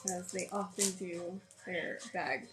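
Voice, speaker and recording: Chatty tired-voiced woman, slow pace. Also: lowish voice, very noisy. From New Mexico. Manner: chatty, self-deprecating, thinking aloud. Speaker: live-stream host building Lego. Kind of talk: casual chat while building. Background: loud music.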